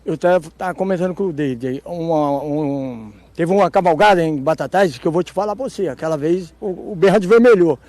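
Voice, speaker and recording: A man's voice: a little high, fairly quick, few pauses, a little mellow. A man who plays the cattle horn, answering a reporter outdoors at a farm fair in a folksy, laughing, rambling way. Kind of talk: casual interview answers.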